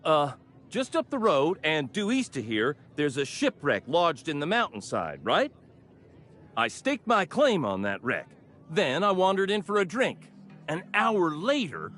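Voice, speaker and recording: A blustering hotheaded salvager. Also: male voice, fairly high pitch, huge pitch swings, measured pace, bright, forceful tone, full character voice. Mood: aggrieved. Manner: indignant, blustering. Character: brash squabbling male salvager, hotheaded drinker. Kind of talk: video game dialogue.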